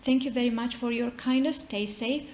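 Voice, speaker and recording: A woman's voice: fairly high pitch, steady tone, moderate pace, darkish tone. A woman from Romania with a Romanian accent, delivering a prepared formal speech as an association representative. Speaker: maritime association representative, speaker. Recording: roomy echo with faint noise.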